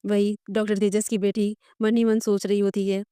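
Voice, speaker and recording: A woman tells a dramatic story recap and voices each character's lines herself without changing her voice much. Her voice is warm, mellow and smooth. It is recorded close and dry, with no room sound. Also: medium pitch, little pitch movement, moderate pace, dry recording. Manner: reads all characters' lines in near her own voice. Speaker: story explainer narrator.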